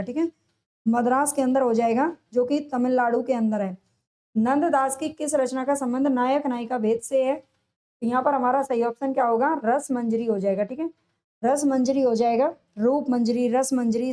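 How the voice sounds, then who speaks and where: High-voiced woman teaching exam answers. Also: warm tone. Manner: asks questions then answers them herself, repeats key answers; drawn-out, stressed delivery on answers. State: sore throat. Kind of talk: exam-prep lesson, solving multiple-choice questions.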